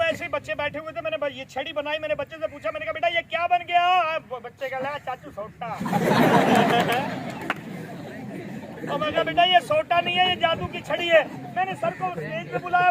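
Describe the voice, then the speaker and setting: A middle-aged Pakistani stage magician performs tricks outdoors for schoolchildren, delivering loud, showy patter and coaxing the kids along. His very high voice keeps fairly even intonation at a quick pace with hardly any pauses. The noisy outdoor recording carries a crowd of children and street noise.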